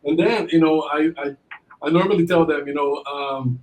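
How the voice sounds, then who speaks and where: A man's voice: on the high side, moderate pace, darkish tone, poor audio. Man giving rambling consulting advice. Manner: rambling, full of "you know" and restarts. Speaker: admissions consultant guest. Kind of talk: conversational advice on a podcast.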